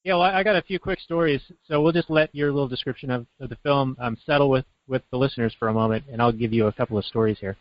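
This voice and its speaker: A man's voice: mid-range voice, fast, few pauses, no room sound. Easygoing man on a dull podcast mic. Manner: easygoing storyteller with fillers. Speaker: podcast co-host. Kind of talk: casual podcast chat.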